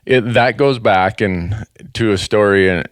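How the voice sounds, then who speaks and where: Deep-voiced Minnesota man in his fifties. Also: measured pace, no room sound, clean studio sound. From northern Minnesota. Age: 50s. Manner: earnest, storytelling, with frequent restarts. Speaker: podcast host. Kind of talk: casual conversation.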